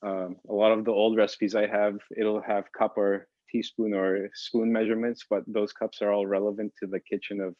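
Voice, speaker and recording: A pastry chef from the Boston area talks casually, with many ums. His voice sits low. The sound is dry and dull, like lo-fi call audio. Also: moderate pace, few pauses, no room sound. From Boston area, United States. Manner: relaxed, many fillers. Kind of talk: casual explanation to an online audience.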